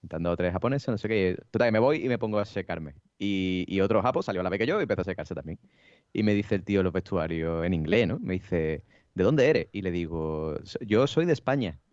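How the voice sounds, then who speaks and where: A man's voice: low voice, quick pace, clean tone, no room sound, muffled recording. A man from Cádiz with an Andalusian accent, co-hosting a casual podcast chat and acting out dialogue in his stories. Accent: Andalusian Spanish. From Cádiz, Spain. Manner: animated storyteller, acts out dialogue. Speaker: podcast co-host.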